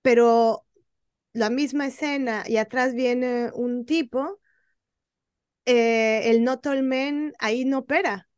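A woman, a guest telling stories passionately and emphatically, often pausing with hesitations. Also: a little high, darkish tone, smooth, no room sound. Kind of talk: conversational storytelling.

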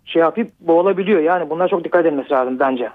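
Fast-talking man over a landline phone. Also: a little high, dry recording. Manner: earnest, a bit halting, with fillers. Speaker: caller to a radio call-in show. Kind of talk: casual phone-in chat. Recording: narrow tinny phone line.

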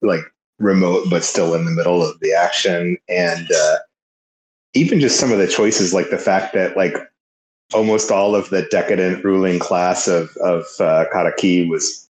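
Male panelist, deep voice, hesitant conversational delivery, echoey room sound. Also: fairly even intonation, moderate pace. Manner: hesitant, searching for words. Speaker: podcast panelist. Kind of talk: casual book discussion.

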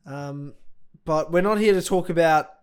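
An Australian man co-hosting a casual banter podcast, self-mocking and animated, breaking into loud joking outbursts. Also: a little high, fairly quick. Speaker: podcast co-host.

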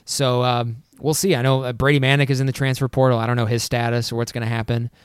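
A man co-hosting a casual sports podcast, halting with many restarts. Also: medium pitch, little pitch movement, smooth, no room sound, studio quality. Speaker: podcast co-host.

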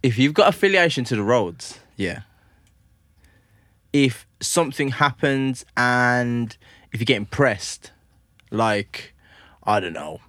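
A man's voice: mid-range voice, animated, takes it slowly, fairly bright tone, no room sound. Insistent London roadman, dry close sound. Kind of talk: casual debate among friends.

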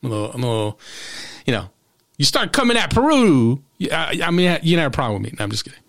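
A man's voice: mid-range voice, lively intonation, rapid-fire, gravelly, a bit bright. A man hosting a soccer podcast, giving opinionated commentary in an emphatic, sarcastic way. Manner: emphatic and sarcastic, with frequent restarts. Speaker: podcast host.

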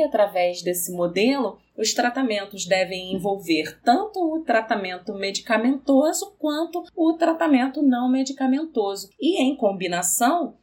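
Female psychologist, breathy husky tone, careful explanatory interview answers. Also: medium pitch, a little mellow. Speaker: psychologist and researcher.

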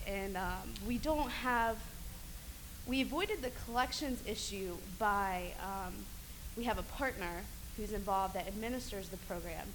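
A woman who works in park historic preservation, explaining a program conversationally at a panel discussion with frequent pauses and fillers. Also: a little high, background noise. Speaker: park service preservation worker.

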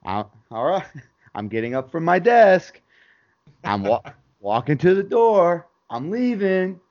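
A man co-hosting a casual podcast chat about a sitcom episode, relaxed and laughing often, calling his friend "man" and "dude". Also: a little high, takes it slowly, no echo, muffled recording. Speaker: podcast co-host.

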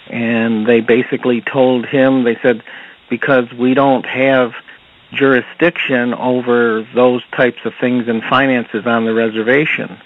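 A man's voice: medium pitch, flat delivery, unhurried. A man as a podcast guest, telling anecdotes and retelling dialogue with many "he said"s. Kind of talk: storytelling anecdotes. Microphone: phone. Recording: tinny phone line.

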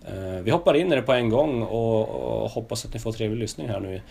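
A man's voice: fairly low pitch, quick pace, vocal fry, a little mellow, breathy edge. A man with a Swedish accent hosting a casual podcast interview, hesitating often with fillers and restarts. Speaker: podcast host.

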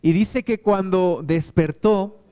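Slow, high-voiced preaching man. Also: mellow, clean tone. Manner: preaching with rising emphatic repetition. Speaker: pastor. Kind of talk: sermon.

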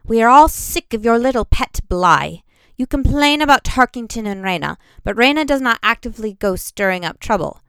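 A protective, sharp-tongued female mage master, voiced by a woman narrating a storybook, who snaps out her words with force. The tone is smooth with a bit of gravel underneath and sounds dry and close. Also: a little high, lively intonation, normal speed, dry recording, pitched above the performer's own voice. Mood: snapping. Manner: snappish, forceful.

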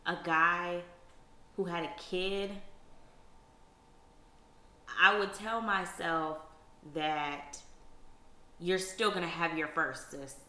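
A woman with a bright, forceful voice tells her story with lots of animation, turning to speak directly to her listeners. She sounds like she is in an echoey room, the sound bouncing around her. The tone is a candid couple chat. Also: fairly low pitch. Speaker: co-host.

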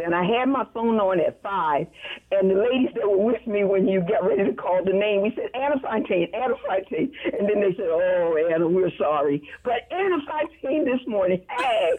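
A woman with a lilt pours out her joy over a tinny phone line, her voice husky and a little breathy. She keeps repeating herself and sounds almost breathless with excitement. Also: medium pitch. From Maryland, USA. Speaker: radio caller. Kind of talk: excited phone call to radio.

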